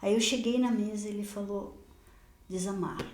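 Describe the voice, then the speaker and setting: A woman pastor telling a personal testimony in a podcast conversation, lively and often laughing, acting out the dialogue of her story. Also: medium pitch, quick pace, echoey room, slight background noise.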